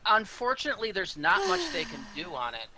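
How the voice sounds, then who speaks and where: A man's voice: sits high, wildly swooping pitch, fairly quick, vocal fry, noisy background. A man chatting with his gaming group on voice chat, explaining things with hesitant fillers. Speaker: gamer in a group. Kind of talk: casual voice chat while gaming.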